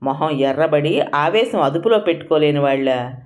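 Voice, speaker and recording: A woman tells an audio story in scripted narration. Her voice sits somewhat low, and her storytelling moves expressively through lively rises and falls. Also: normal speed.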